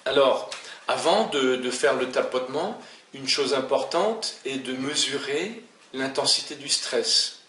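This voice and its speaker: A man calmly explaining and demonstrating a tapping technique, repeating set phrases as he shows each step. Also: medium pitch, echoey room, recorded from a distance, slight background noise. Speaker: EFT instructor. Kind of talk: demonstration lesson.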